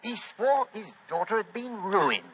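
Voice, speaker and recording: A man's voice: high voice, very animated, moderate pace. A muffled, faintly hissy vintage radio recording of a police inspector. He speaks plainly and deferentially in a 1940s drama style. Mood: matter-of-fact. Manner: chuckling, deferential.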